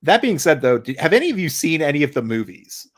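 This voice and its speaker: A man's voice: on the high side, very animated, fast talker. A man hosting a casual podcast chat with friends. He rambles, cracks jokes and steers the talk. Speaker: podcast host.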